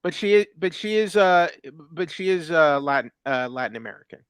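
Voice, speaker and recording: A man's voice: a little high, expressive, brisk, a bit bright, clear, resonant tone, no room sound. A man co-hosting a casual chat about a TV premiere, talking with many fillers and restarts. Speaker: watch party co-host. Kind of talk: casual pop-culture chat.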